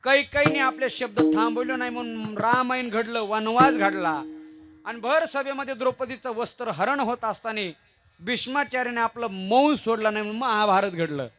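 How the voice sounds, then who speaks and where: A man with a Marathi accent preaching a devotional kirtan sermon, mixing jokes and stories with slowly chanted verses. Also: extremely high pitch, sharp tone.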